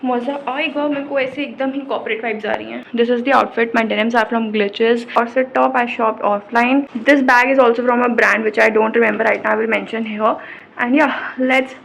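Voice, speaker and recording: A woman's voice: on the high side, steady tone, takes it slowly, gravelly, a bit bright, lo-fi sound, slight background noise. Chatty young Indian woman vlogging. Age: 20s. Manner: chatty, mixing Hindi and English. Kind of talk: casual vlog chat to camera. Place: cafe, indoors.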